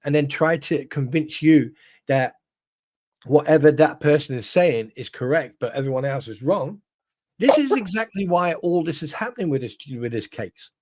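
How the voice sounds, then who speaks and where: A man talks on a livestream in a raised, fairly high voice. He is emphatic and swears freely. He stumbles and restarts his sentences as he pushes his point. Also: lively intonation, normal speed, darkish tone. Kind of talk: casual livestream chat.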